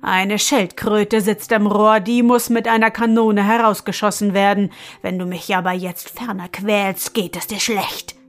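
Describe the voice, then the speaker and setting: A woman voicing an irritable male griffin who talks loud and grumbling, in a slow-read storybook tale. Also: mid-range voice, fairly even intonation, faint music behind, close to an everyday voice. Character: gruff male griffin, golden-feathered, irritable.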